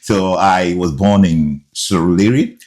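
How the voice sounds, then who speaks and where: A man with a very low voice, talking as an interview guest. He tells his story in a lively way and drops in local street slang. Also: takes it slowly. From Nigeria.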